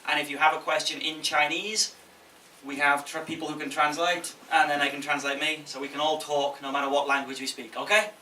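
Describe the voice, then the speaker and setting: A man's voice: a little high, level tone, brisk, bright, forceful tone, recorded from a distance. A man giving an informal, jokey, conversational talk as a game publisher, often checking in with his audience. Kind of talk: informal conference presentation. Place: indoor event room with audience. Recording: echoey room from afar, faint noise.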